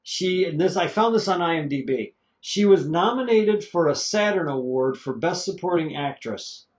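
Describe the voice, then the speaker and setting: A man's voice: a little high, expressive, moderate pace. A man casually chatting as a podcast co-host reviewing an old movie, rambling and chuckling, tripping over names. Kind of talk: casual chat. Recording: dull lo-fi podcast audio.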